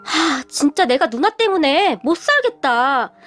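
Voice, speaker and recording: A woman's voice: very high-pitched, very animated, normal speed, fairly bright tone, soft background music, exaggerated voice. A woman voicing an exasperated young husband who sighs and complains. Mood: weary. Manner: exasperated, sighing.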